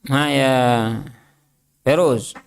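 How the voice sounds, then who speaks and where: Male ustadz, mid pitch, slow and methodical, reads and translates Arabic texts and quizzes the class. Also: fairly even intonation, gravelly. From Indonesia. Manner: reads Arabic text then translates and explains; drills students with short questions. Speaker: religious teacher. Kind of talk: Islamic study lesson, quizzing students.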